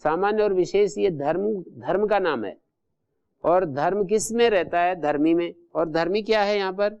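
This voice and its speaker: A man's voice: high-pitched, normal speed, a little mellow, clean tone, lo-fi sound. A man teaching a Sanskrit grammar lesson, methodically repeating and glossing each term. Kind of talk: classroom lecture explaining grammar rules.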